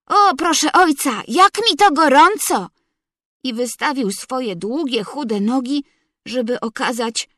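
A woman reading a story aloud as narrator, in an unhurried, measured storytelling manner. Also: fairly high pitch, no room sound, studio quality. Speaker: audiobook reader. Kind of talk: literary narration.

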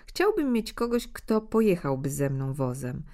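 A woman voicing a poor, gentle peasant father in a fairy tale, speaking fondly to his tiny son. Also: sits low, sing-song, unhurried, exaggerated voice. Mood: fond, amused. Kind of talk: storybook reading.

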